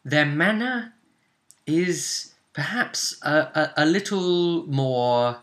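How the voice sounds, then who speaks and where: His voice sits on the high side, bright, forward, and expressive, as he game-masters a tabletop session. He tells the story casually, pausing to find the right words and repeating phrases for emphasis.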